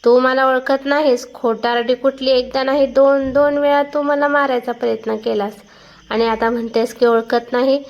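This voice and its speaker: A woman reading a story aloud and voicing an angry older mother who shouts accusations. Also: high voice, little pitch movement, moderate pace, natural voice. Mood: furious.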